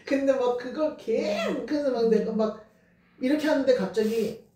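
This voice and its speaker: A woman's voice: high voice, normal speed, mellow, slight background noise. Middle-aged woman minister telling her testimony, drops english words in, laughs a lot, sounds far from the mic in a big echoey room. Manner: mixes English words into Korean, laughs often. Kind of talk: personal faith testimony in conversation. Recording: roomy echo, voice picked up from a distance.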